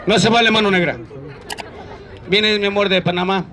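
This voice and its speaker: A street clown comedian with a Mexican accent hosts a live show in a city park, bantering cheekily and teasing the crowd. His high-pitched voice holds a steady tone at a moderate pace, with outdoor urban noise and onlookers around him.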